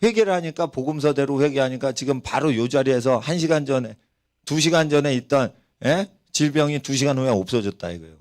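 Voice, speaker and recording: A man's voice: mid-range voice, fairly quick. A middle-aged man, a pastor, preaching a sermon in church, telling stories and putting questions to the congregation. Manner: animated storytelling preacher, rhetorical questions to the congregation. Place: church sanctuary.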